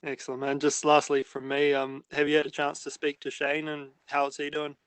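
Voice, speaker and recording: A man's voice: fairly high pitch, monotone, normal speed, a bit bright, clean tone, no echo. A man with a New Zealand accent, a sports reporter asking questions in a casual, matey style.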